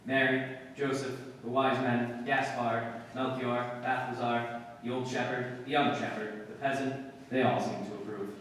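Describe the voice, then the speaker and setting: A man with a mid-range, fairly bright, natural voice speaks at a measured pace in a level tone, playing a terse, matter-of-fact police detective narrating a case in clipped, understated 1950s radio drama style. His delivery is deadpan. The recording is echoey, as if from far off in a hall, with music behind him and a little hiss or hum.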